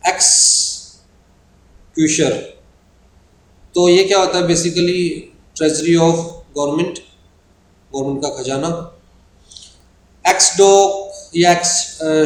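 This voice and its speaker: A man with an Indian English accent teaching an exam-prep lecture, explaining terms patiently and slowing down when he reads out definitions. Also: a little high, steady tone. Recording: echoey room with faint hiss.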